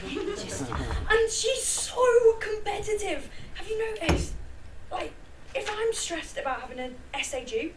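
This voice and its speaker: Woman acting a high-voiced, sarcastic, exasperated young woman. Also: expressive, slow pace, reverberant, heavily acted. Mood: sarcastic, weary. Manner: sarcastic, emphatic, swings into mock-archaic exclamations. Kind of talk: rehearsed stage reading of a play. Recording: distant mic, faint noise.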